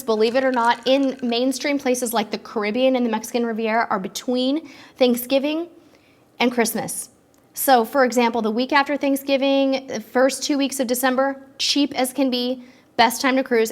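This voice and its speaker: Her voice is high and a bit bright as she runs a live stream offering cruise tips. Answering viewers, she keeps things chatty and upbeat, says um often, and sounds slightly congested from allergies.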